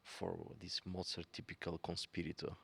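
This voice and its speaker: Deep, gravelly-voiced male pianist. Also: monotone, moderate pace, fairly bright tone. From Bulgaria. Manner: searching for words, many fillers. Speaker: guest pianist. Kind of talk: conversational interview.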